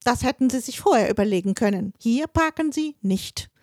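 A woman voicing a stubborn middle-aged woman who blocks a parking space, scolding loudly and indignantly. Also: a little high, lively intonation, moderate pace, no room sound, studio quality, lightly acted.

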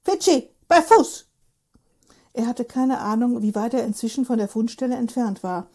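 Mellow-voiced woman reading a story aloud. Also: fairly high pitch, steady tone, fairly quick. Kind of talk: audiobook narration.

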